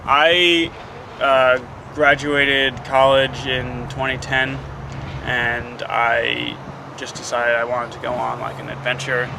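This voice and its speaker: A man's voice: mid-range voice, level tone, slow, vocal fry, background noise. A young man in his twenties, a wetlands nursery volunteer, explaining casually with fillers. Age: 20s.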